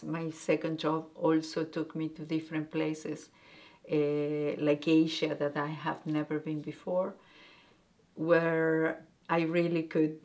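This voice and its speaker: A middle-aged woman from Argentina with an Argentinian accent, a native Spanish speaker, answering interview questions haltingly and searching for words with many fillers. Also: deep voice. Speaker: guest, guesthouse owner.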